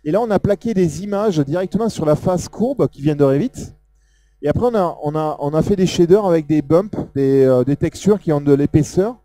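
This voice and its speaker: A man with a Southern French accent walks an audience through a software demo in a loose, filler-heavy way. His voice sits a little high for a man but sounds dark and mellow. The sound is dry and close. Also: brisk, dry recording. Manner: casual, hesitant, many fillers, pointing things out. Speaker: software presenter. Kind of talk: live technical demo talk.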